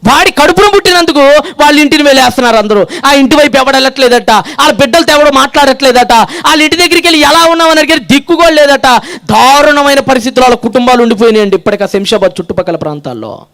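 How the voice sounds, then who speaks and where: A man preaching a sermon, with a dramatic delivery that acts out quotes, rising to shouts and dropping low. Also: rapid-fire.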